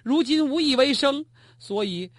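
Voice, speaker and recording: A man's voice: high-pitched, expressive, fairly quick, a bit bright, no room sound, clean studio sound. A man voicing a humble tea servant, once an official, pleading his case in a storytelling performance.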